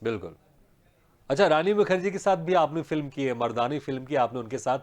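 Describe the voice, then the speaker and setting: A man's voice: medium pitch, a little fast. Rambling male TV interviewer. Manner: long, rambling questions with repeated words; laughs often, encouraging. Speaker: host, interviewer.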